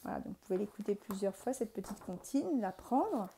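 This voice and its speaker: A woman teaching young children remotely, speaking clearly and spelling out letters and sounds. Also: medium pitch, lively intonation, a little fast, mellow, a little hiss or hum. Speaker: primary school teacher. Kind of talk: remote lesson for young pupils. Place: classroom in front of a board.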